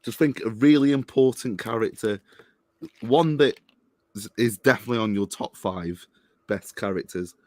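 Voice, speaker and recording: A man co-hosting a casual podcast chat, reading out quotes in a measured way and laughing often. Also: on the low side, no room sound.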